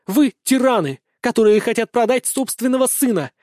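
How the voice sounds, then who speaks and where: A man voicing an indignant, rebellious young noble daughter with sharp, sarcastic outbursts in an audiobook. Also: extremely high pitch, expressive, normal speed, no echo, clean studio sound, pitched above the performer's own voice. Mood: angry. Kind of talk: audiobook character voice.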